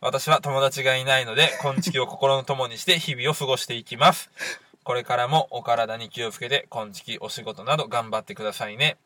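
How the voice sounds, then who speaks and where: Man co-host, quick and lively, bright voice, dry close sound, casual teasing chat. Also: mid-range voice, no room sound. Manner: reads listener mail aloud, teasing. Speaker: podcast co-host.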